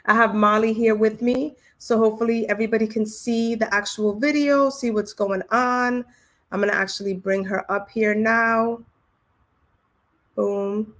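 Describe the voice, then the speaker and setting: A woman in her forties hosting a livestreamed interview, playful and animated, often repeating herself. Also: fairly high pitch, normal speed. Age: 40s. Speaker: host.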